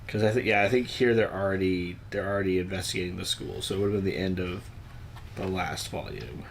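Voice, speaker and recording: A man's voice: deep voice, brisk, gravelly, a little hiss or hum. A young man co-hosting a late-night livestream, chatting casually with many fillers and restarts. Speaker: livestream co-host. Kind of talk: casual chat.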